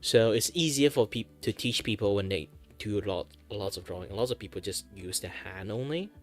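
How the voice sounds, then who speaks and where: Male streamer host, casual and animated in anime-streamer style, music playing behind. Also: on the low side, normal speed. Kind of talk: casual livestream chat.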